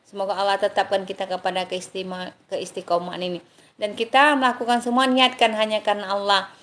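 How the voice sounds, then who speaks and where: An Indonesian woman leads a live religious talk and answers viewers' questions with an affectionate, motherly manner. She thanks people by name, calls them darling, and now and then chants short Arabic prayers. Her voice sits at an ordinary middle pitch. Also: level tone, fairly quick, fairly bright tone.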